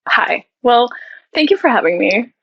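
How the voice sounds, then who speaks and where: A woman's voice: a little high, expressive, normal speed, creaky, dry recording, dull audio. A woman, a guest actress who chats in a friendly, slightly self-conscious way and sometimes searches for English words. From Iceland. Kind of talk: casual interview chat.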